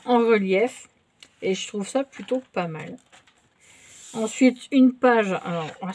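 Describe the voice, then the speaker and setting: A French-speaking woman chatting casually to her viewers while showing a shopping haul, with many fillers and little hesitations. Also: medium pitch. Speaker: haul vlogger. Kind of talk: casual show-and-tell haul.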